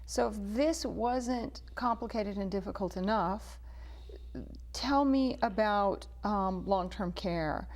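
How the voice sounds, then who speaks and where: Woman, interview host, mid-pitched voice, conversational, plain-spoken, prompting with questions. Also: slow pace, darkish tone.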